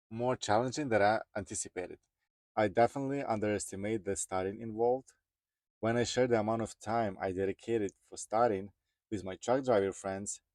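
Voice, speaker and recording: Speaking to his audience about his own life, this vlogger and truck driver from Ukraine, in his thirties, has a lowish, darkish voice and a Ukrainian accent. English isn't his first language; it may be Ukrainian. The sound is dry and studio quality.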